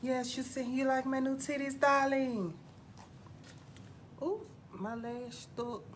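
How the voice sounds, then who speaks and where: A woman playing a sassy, glamorous TV psychic who hosts a live call-in stream in a campy, drawn-out manner. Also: high voice, fairly even intonation. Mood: sassy, welcoming. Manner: campy, drawn-out, calls everyone darling. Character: sassy glamorous female TV psychic hotline host. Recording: noisy live stream audio.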